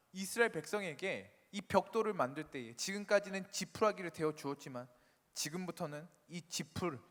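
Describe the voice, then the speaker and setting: A man's voice: on the high side, fairly bright tone. A man voicing an arrogant king who mocks and gives harsh orders. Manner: mocking, commanding. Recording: echoey church hall.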